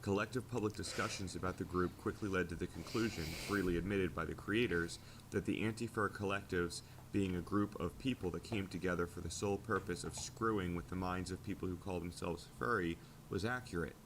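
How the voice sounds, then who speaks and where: Male documentary narrator, low and steady, informative read; audio has clear background noise. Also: fairly quick. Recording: noisy played-back video audio.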